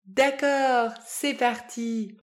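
Bright, eager little storybook boy, high and lively, as a woman puts him on. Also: takes it slowly. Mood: playful. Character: cheerful, gentle little boy. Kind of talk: storybook reading for children.

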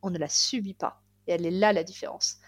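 A woman's voice: lowish voice, steady tone, fast. Young woman podcast guest, chatty and enthusiastic, restarts often. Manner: enthusiastic, many fillers and restarts. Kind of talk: casual podcast chat.

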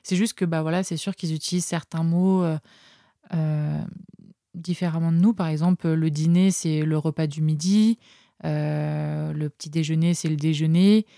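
A young French nurse telling anecdotes in a casual, hesitant way, pausing often with filler sounds. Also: female voice, sits low, steady tone, creaky, mellow, no room sound, clean studio sound. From France. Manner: hesitant, many filler pauses. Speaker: nurse, interview guest.

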